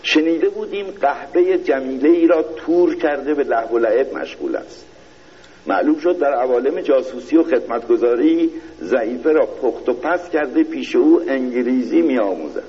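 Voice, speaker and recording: A man's voice: medium pitch, lively intonation, mellow, highs cut off. Man reading a mock-pompous satire. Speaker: reader of a satirical piece. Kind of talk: satirical reading in mock-royal court Persian.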